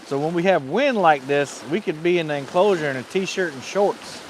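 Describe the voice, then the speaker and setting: A man with a slightly high, animated voice at normal speed reads viewer comments out loud as a livestream guest. He keeps the chat easygoing from a windy lake bank, though the audio quality is poor.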